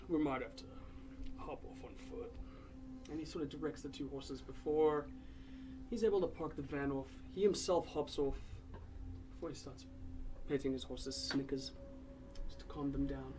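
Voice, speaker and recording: A game master describes the scene of a tabletop game in a relaxed, descriptive way with occasional fillers. The voice sits in a middle pitch, and a faint room noise runs behind. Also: low-quality recording. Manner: casual descriptive narration with fillers.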